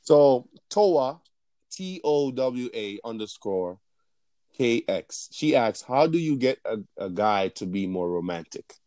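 A man's voice: mid-range voice, lively intonation, a little slow, mellow, no echo. A man chatting casually as a co-host answering questions, in a slangy, sweary frat-bro way with repetitive, emphatic phrasing. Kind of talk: casual unscripted chat answering listener questions.

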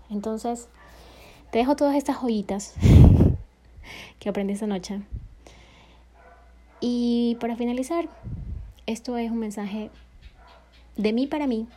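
Warm-toned woman sharing relationship lessons. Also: slow pace, pauses often, slight background noise. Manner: expressive, acts out quotes with shifting pitch and loudness; frequent fillers and self-corrections, laughs often. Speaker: vlogger. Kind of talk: casual confessional vlog.

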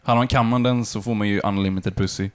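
A man's voice: fairly low pitch, steady tone, smooth. A man co-hosting a casual podcast, joking and teasing his co-host with crude banter.

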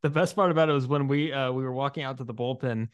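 A man co-hosting a podcast, asking rambling, halting questions with a joking edge. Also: mid-range voice, fairly even intonation, smooth, no echo. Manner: hesitant, restarts questions, jokey. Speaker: podcast co-host. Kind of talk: casual interview chat.

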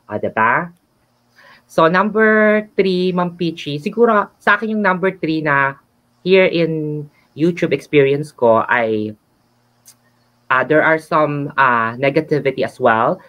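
A man's voice: a little high, sharp tone. A man co-hosting a casual show, chatting in a flamboyant, giggly way. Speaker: co-host and nurse. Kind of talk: casual Taglish show chat. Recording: dull lo-fi sound.

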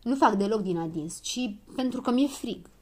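A woman's voice: on the high side, expressive. A woman voicing a shivering, absent-minded little dwarf who answers in a whiny, defensive way.

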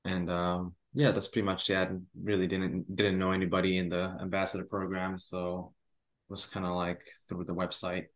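A man's voice: deep voice, monotone, moderate pace. A young man from Rwanda, a university student, answering interview questions casually with many hesitant fillers. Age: young adult.

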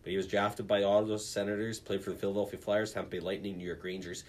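A man's voice: lowish voice, level tone, fast, slight background noise. A man co-hosting a casual podcast, reading out a list with joking asides. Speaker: podcast co-host. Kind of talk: casual chat.

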